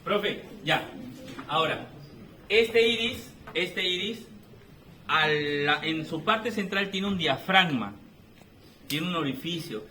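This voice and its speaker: A man with a Peruvian Spanish accent giving an animated physiology lecture, playfully teasing his students with questions. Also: fairly high pitch, slight background noise. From Peru. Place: lecture room. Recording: echoey room, voice from a distance.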